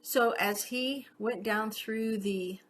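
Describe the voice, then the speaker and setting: A woman's voice: fairly high pitch, takes it slowly, a little hiss or hum. A middle-aged woman paramedic teaching a class in a casual, chatty way, often checking in with "okay?" and telling personal stories. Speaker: paramedic instructor.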